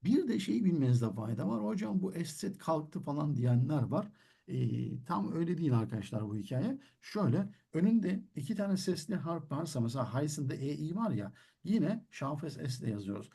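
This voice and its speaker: A man's voice: fairly high pitch, very animated, moderate pace, vocal fry, warm tone, slightly rough. A man teaching German, explaining patiently and answering his own questions. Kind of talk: classroom-style language lesson.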